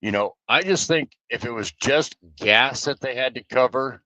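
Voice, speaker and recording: Bright-voiced man on a casual live stream. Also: medium pitch, normal speed, no echo, low-quality recording. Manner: loose, rambling, with fillers and restarts. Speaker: streamer and guild leader.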